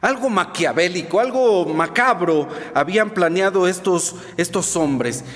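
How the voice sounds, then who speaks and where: A man's voice: sits high, measured pace, fairly bright tone. A man preaching a sermon to a congregation, telling the story expressively and turning to the listeners with asides. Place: church hall. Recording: long reverb in a church hall.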